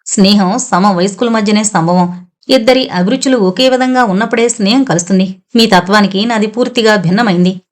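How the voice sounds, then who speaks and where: A woman's voice: medium pitch, a little fast, lightly acted. Woman reading as a fiery young village woman. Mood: defiant. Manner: indignant, fiery.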